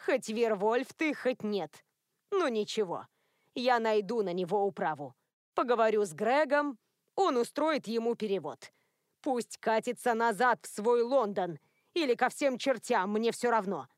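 A woman voicing a prim, controlling elderly woman who is a werewolf grandmother, lecturing in a cold, even tone. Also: a little high, measured pace, dry recording, studio quality. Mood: stern.

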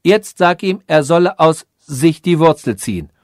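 A man's voice: a little high, lively intonation, normal speed, no room sound, studio quality, pitched above the performer's own voice, close to an everyday voice. A man voicing a vain, cunning female calculating machine from a storybook, lecturing in a lofty, scheming manner. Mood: instructing.

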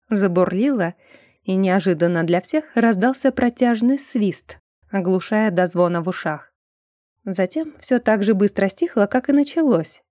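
Woman narrator, fantasy audiobook, measured storytelling, dry close sound. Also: mid-range voice, warm tone, dry recording.

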